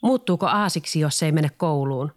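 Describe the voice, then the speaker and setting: A man's voice: fairly high pitch, close to an everyday voice. A man voicing a curious little girl who keeps asking questions. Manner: wondering, questioning.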